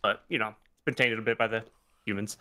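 A man's voice: lowish voice, fairly even intonation, a little fast, sharp tone. A man playing a tabletop game, describing his character in a playful, laughing way. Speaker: player.

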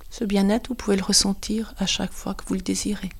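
A woman leads a guided meditation in a soothing, hushed, breathy voice that is often close to a whisper, in short phrases with pauses. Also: medium pitch, little pitch movement.

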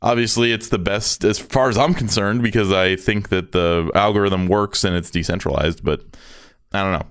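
A man co-hosting a podcast in a relaxed, joking casual chat. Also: lowish voice, normal speed, clean tone. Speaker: podcast co-host.

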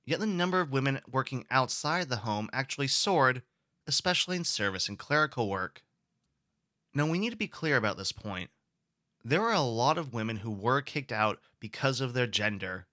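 A man's voice: mid-range voice, big pitch swings, moderate pace, sharp tone, no room sound, clean studio sound. A man giving a recorded history lecture in an explanatory way, posing rhetorical questions to the class.

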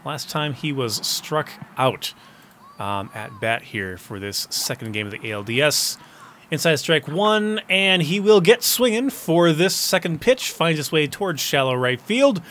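Male baseball play-by-play caller, descriptive, slightly high voice, faint background ambience. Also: animated, unhurried, a bit bright, a little hiss or hum. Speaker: baseball commentator. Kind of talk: baseball video game play-by-play commentary.

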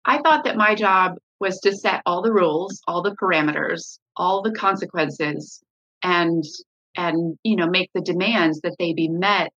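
A woman's voice: on the low side, unhurried, a bit bright, husky, dull audio. A woman, a mother, talking candidly in an interview about her parenting, with many fillers and restarts. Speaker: parent guest sharing her story.

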